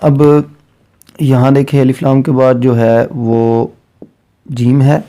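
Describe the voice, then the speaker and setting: A man teaching a grammar lesson, slowly going over letters one by one and repeating himself as he explains. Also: mid-range voice, fairly even intonation, dark tone. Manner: slow and repetitive, spelling out letters one by one.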